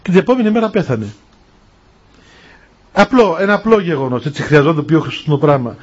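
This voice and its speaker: A man, a monastic elder, giving a spiritual talk and telling stories with acted-out dialogue in an unhurried way. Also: a little high, breathy edge. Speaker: monastic elder answering questions. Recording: dull lo-fi recording.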